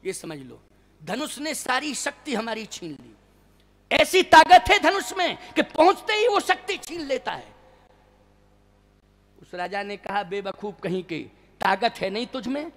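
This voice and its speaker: A male preacher narrates a devotional story in a lively sermon. He keeps stopping to put questions to his listeners and prompt them to answer. His speaking voice is unusually high. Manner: animated, asks the audience questions. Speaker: religious preacher.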